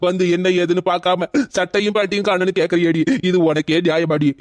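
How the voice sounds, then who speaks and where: A man's voice: high voice, fairly even intonation, fast talker, no room sound, lightly acted. A man voicing a wailing injured drunk village husband. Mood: groaning, pleading. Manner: wailing, whining complaints. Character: drunk middle-aged village husband in pain.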